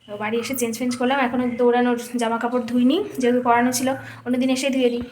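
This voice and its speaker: A woman's voice: fairly high pitch, flat delivery, very fast, a little mellow. A young woman, chatting casually about her chores at home for her daily vlog. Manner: chatty, rambling commentary on chores. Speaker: vlogger. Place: home in a village. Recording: noisy background.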